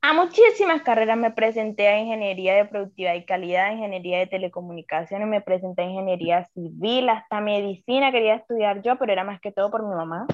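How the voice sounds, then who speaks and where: A woman's voice: medium pitch, fast talker, few pauses, highs cut off. A young woman with a coastal Colombian Spanish accent chats casually as a podcast guest, rambling and exclaiming as she goes. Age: young adult.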